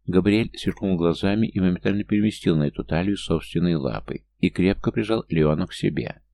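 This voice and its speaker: Deep gravelly male audiobook narrator. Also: fairly quick, dark tone. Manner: reads every character's lines himself, lifting his pitch for younger or smaller figures. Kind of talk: scripted fantasy narration.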